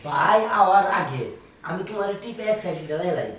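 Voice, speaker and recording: In a comic village skit, a woman plays a young brother-in-law, wheedling and pleading in a very animated, fast, natural voice of medium pitch. She's recorded from far off in an echoey room with faint hiss.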